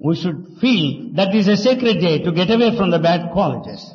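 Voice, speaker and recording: A man translating a discourse phrase by phrase, in short measured phrases. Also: high-pitched, big pitch swings. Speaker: interpreter. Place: large hall. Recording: dull 1992 archive tape in an echoey hall.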